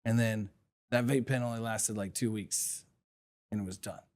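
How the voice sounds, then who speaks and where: A man's voice: on the low side, steady tone, normal speed, darkish tone. Reflective male podcast host. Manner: reflective, asks rhetorical questions, talks from personal experience. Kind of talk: solo motivational podcast talk.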